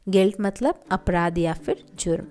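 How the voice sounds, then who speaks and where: A woman with an Indian accent teaching English vocabulary, reading each example sentence slowly and clearly, then explaining it in Hindi. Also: fairly low pitch, darkish tone.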